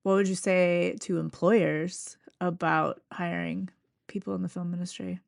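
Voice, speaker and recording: A woman hosting a podcast interview, asking questions and telling quick, chatty stories, often laughing. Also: lowish voice, flat delivery, creaky. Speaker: podcast host. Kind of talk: casual interview chat.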